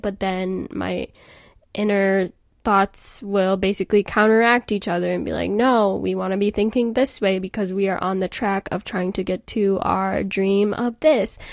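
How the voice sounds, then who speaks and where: Her voice is mid-range, gravelly and darkish: a podcast host in her mid-twenties giving a loose, rambling monologue on self-care. She chats informally in youthful, casual language, recorded in studio quality with no room sound.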